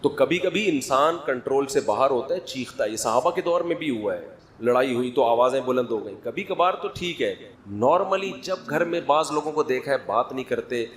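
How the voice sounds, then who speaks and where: A man's voice: mid-range voice, expressive. A middle-aged man, preaching in a conversational sermon, prodding listeners for answers and joking. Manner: conversational, humorous, prods the audience for answers. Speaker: religious scholar.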